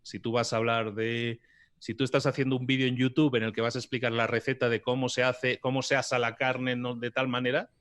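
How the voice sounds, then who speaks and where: Male podcast guest, animated explainer, mid-pitched, dry close miking. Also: a little fast, clean tone, no echo. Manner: animated, explanatory, gesturing while speaking. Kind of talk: conversational interview. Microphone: podcast mic on an articulated arm.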